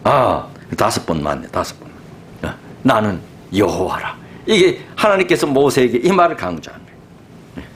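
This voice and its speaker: A man preaching a sermon as a pastor, animated and conversational, often asking the congregation questions. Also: mid-range voice, moderate pace, slight background noise.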